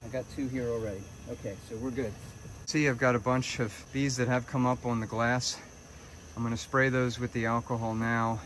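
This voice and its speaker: A man's voice: medium pitch, little pitch movement, normal speed, fairly bright tone, a little hiss or hum, rough recording. A man beekeeper narrating plainly as he works on hives on a backyard deck, recorded on a phone. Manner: plain, matter-of-fact, talking to camera while handling hives. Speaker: beekeeper vlogger. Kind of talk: casual narration while working. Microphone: phone camera held or nearby. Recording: phone recording outdoors with buzzing bees. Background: buzzing bees around.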